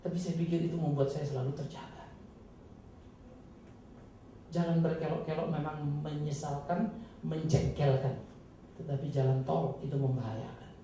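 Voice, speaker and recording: Pendeta laki-laki, khotbah dramatis, mikrofon jauh, sedikit desis. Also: male voice. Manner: emphatic, dramatic preaching with sudden loud high bursts. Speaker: pastor. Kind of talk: sermon. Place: church hall. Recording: echoey hall, distant mic, faint noise.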